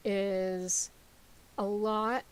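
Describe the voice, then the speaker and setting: A woman game developer talking casually on a live stream, rambling with lots of ums and likes as she explains software. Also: medium pitch, level tone, extremely slow, clean tone, low-quality recording.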